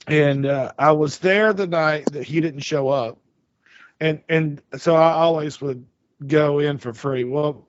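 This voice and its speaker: A man's voice: mid-range voice, dry recording. A man in his forties telling a rambling story in casual chat, full of restarts and stammers. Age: 40s. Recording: dull lo-fi sound.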